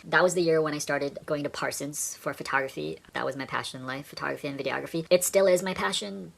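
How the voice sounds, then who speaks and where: A man's voice: fairly high pitch, fast talker, creaky, fairly bright tone, a little hiss or hum. A young man from Indonesia earnestly telling his personal story to camera as a vlogger.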